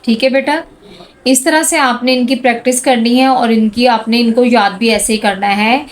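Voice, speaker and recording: A woman teaching a handwriting lesson to children, speaking slowly and patiently and calling out each letter sound as she writes. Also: a little high, fairly even intonation. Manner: slow, patient, addresses students as "beta"; calls out letter sounds one by one while writing.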